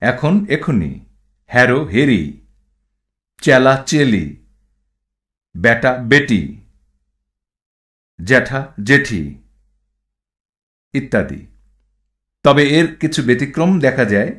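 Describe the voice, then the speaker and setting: Male pronunciation instructor, mid-pitched, deliberate and very slow, reciting rules and example words. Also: very animated, a bit bright. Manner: measured, reads rules and word lists one item at a time. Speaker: pronunciation teacher.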